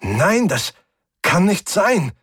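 Man doing hostile male ship computer, raised strained voice, husky edge, dry sound. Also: animated, takes it slowly, dry recording. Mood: panicked. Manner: commanding threats that crack into shrill denial.

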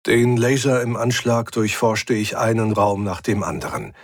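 A man narrates a science-fiction tale in the first person with a wry, dramatic edge. His voice has a husky grain, and the recording is dry and close. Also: fairly low pitch, normal speed, no room sound. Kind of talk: scripted audio drama narration.

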